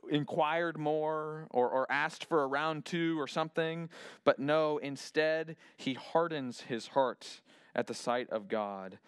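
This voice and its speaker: Male Bible teacher, chatty and imaginative, with a smooth, clear voice recorded close and dry. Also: on the high side, dry recording. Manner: imaginative, thinking aloud, many restarts. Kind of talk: casual Bible lesson retelling.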